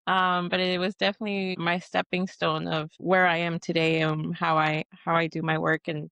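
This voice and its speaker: A woman's voice: lowish voice, little pitch movement, normal speed, vocal fry, a bit bright, clear, resonant tone, no echo. A woman from Texas, a Marine veteran guest, answering interview questions earnestly with frequent restarts and fillers. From Texas, USA.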